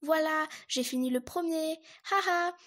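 A woman voicing a boastful little boy beaver who gloats loudly. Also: sits high, a little slow, voice pushed up. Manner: gloating, loud and bouncy.

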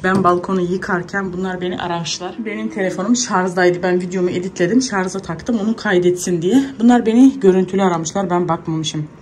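A woman's voice: lowish voice, fairly quick, hardly any pauses, a little mellow, slight background noise. A woman in her thirties with a Turkish accent, chatting to viewers in a casual home vlog while she cleans and calls after her kids. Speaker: vlogger, mother.

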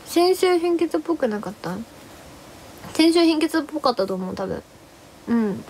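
Lively, chatty young woman streamer. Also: high voice, normal speed, slight background noise. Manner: rambling, chatty, greets viewers, refers to herself in third person. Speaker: livestream host. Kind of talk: casual livestream chat.

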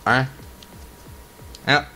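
Halting man commentating on a gaming challenge. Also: bright, forceful tone. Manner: halting, exclamatory, muttering asides. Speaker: gaming video host. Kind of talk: casual challenge gameplay commentary. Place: small room indoors. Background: music.

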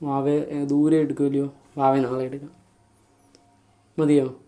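A man's voice: medium pitch, little pitch movement, takes it slowly, mellow. A man filming himself playing with a toddler, using coaxing, repetitive baby talk full of sing-song questions.

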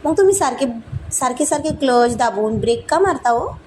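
A woman voicing a bashful young woman in love, pleading and gently scolding. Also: high-pitched, lively intonation, normal speed, noisy background, pitched above the performer's own voice. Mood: shy, pleading.

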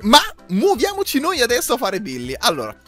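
A man giving playful, hyper gaming commentary, with sudden shouts and sing-song bits. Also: extremely high pitch, wildly swooping pitch, a little fast, soft background music. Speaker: Minecraft YouTuber.

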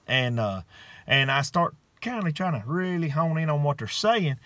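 A man hosting his show, telling a comic story in a folksy, drawn-out way with frequent asides. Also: a little high, animated, a bit bright, no echo. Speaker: host. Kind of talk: comedic storytelling monologue.

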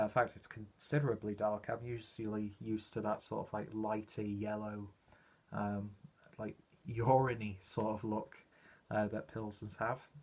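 Speaking on the low side with a breathy edge, a British man hosts a beer review on his video channel. He rambles casually, chatty and quick to make fun of himself.

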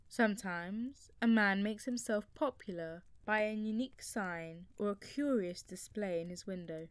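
A woman reading a classic nonfiction book aloud as an audiobook narrator, in a steady, measured way. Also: mid-range voice, no echo.

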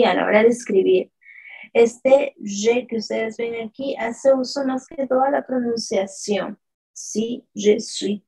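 A woman teaching a live online French lesson, modelling words slowly and repeatedly and answering viewers from the chat by name. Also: fairly high pitch, darkish tone, husky, poor audio.

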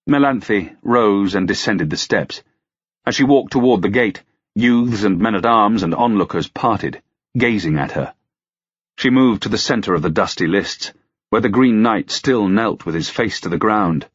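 A man narrating a historical romance audiobook in a measured, dramatic reading style. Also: sits low, slightly rough, no echo, highs cut off.

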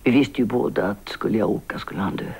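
Older woman in her 60s, bitter and guilt-ridden, hushed and halting, husky and gravelly voice, TV drama. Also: very deep voice, heavily acted. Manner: hushed, halting, often whispered confession. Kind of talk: 1990s Swedish TV drama acting.

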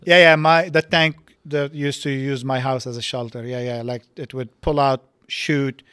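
A man's voice: mid-range voice, steady tone, bright, forceful tone, smooth, no room sound. Reflective man from Lebanon, dry studio sound. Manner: reflective, halting with many restarts. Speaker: podcast guest, physics professor. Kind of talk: casual interview talk. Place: studio set with dark curtains. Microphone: boom mic on stand.

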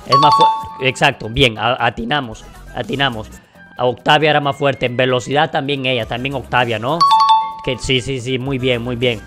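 A man reacting to a video game in casual, excitable commentary that he talks straight to his viewers. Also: medium pitch, moderate pace, loud music behind the voice. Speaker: gaming video creator.

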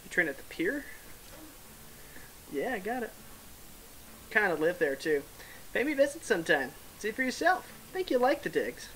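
A blunt, bossy female fight trainer from a video game, read by a woman in a mid-pitched, plain voice. She speaks with a faint hiss in the background. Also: very animated, normal speed, long pauses, a bit bright, low-quality recording. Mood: inviting.

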